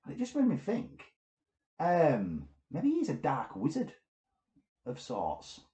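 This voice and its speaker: A man co-hosting a comedy podcast, telling a strange story with deadpan delivery and sudden shouted bursts. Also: fairly high pitch, takes it slowly, reverberant. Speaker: podcast co-host.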